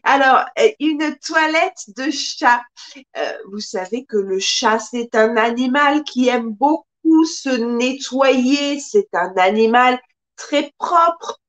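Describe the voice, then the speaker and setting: A high-voiced woman in her thirties leads a live-streamed French class, picked up by a webcam in a small room. She is slow, careful and expressive, gesturing often with her hands, and she occasionally coughs because of pollen allergies.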